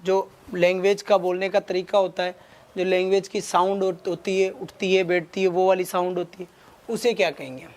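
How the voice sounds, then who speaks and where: Guy teaching english exam prep online, fires quick questions at students. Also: sits high, little pitch movement, a little mellow. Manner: rapid Hindi-English mix, urges students with quick questions. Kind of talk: online class lecture.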